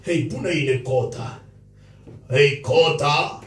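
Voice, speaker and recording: A man voicing a sly, overly polite foreign merchant in a shadow puppet play, speaking in halting, broken phrases full of "eh". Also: fairly high pitch, far from the mic, natural voice. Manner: halting, broken speech with many "eh" fillers. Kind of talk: Greek shadow puppet theatre. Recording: roomy live stage from afar.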